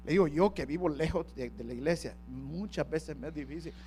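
A male pastor preaching a sermon. He swings from quiet storytelling to shouted calls for worship and acts out the voices of church members and family. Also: a little high, brisk, a little hiss or hum.

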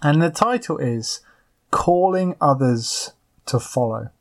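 A pastor delivers a weekly sermon to an island congregation, pacing it like a told story. The voice sits mid-range, steady and deliberate, and slows on the key points. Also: mid-range voice. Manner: measured storytelling with acted quotes.

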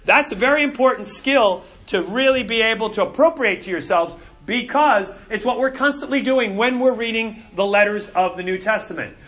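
A middle-aged man leads a Bible class in a high, bright voice. He talks in a lively, conversational way and often repeats a word before he carries on. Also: moderate pace, hardly any pauses. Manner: animated and conversational, with frequent repeated words. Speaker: Bible teacher. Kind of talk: classroom lecture.

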